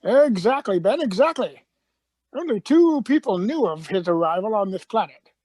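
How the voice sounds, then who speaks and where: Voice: mid-range voice, lively intonation, normal speed, a little mellow, dry recording, natural voice. An actor playing an eccentric, defiant space-travelling Doctor in a radio play, urgent and given to repeating phrases. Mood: defiant, probing.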